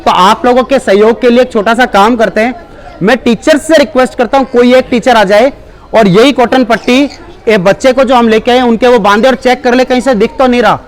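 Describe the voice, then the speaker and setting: A man's voice: very high voice, a little fast. A man giving a live demonstration speech at a school seminar, coaxing the children and mixing in English phrases. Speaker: seminar presenter.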